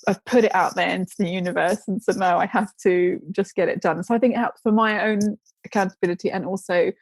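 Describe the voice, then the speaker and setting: A woman's voice: medium pitch, fairly even intonation, a little fast, no room sound. A woman guest chatting casually in an interview, rambling with restarts and giggling now and then. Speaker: podcast guest, ceramics business owner.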